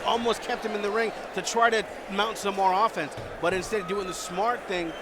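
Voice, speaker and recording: A man working as a lucha libre announcer on color commentary, animated as he explains and reacts to the action. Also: sits high, normal speed. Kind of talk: live wrestling color commentary. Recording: noisy arena crowd behind commentary. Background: wrestling crowd and ring slams.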